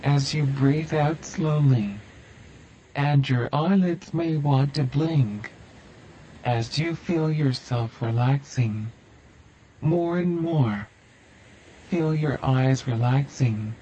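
A man guiding a hypnosis induction in a slow, soothing, repetitive cadence. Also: on the high side, mellow, muffled recording, a little hiss or hum.

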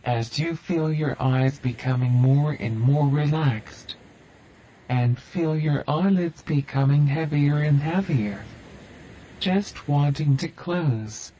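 A man guiding a listener through a hypnosis induction with slow, soothing, repetitive suggestions. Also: on the high side, mellow, lo-fi sound, a little hiss or hum.

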